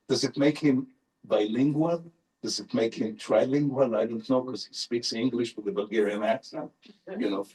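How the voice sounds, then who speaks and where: A man, a professor, answers audience questions in an unscripted academic talk, using wry rhetorical questions and emphatic repetition. His voice is medium-pitched and mellow, and the audio quality is poor.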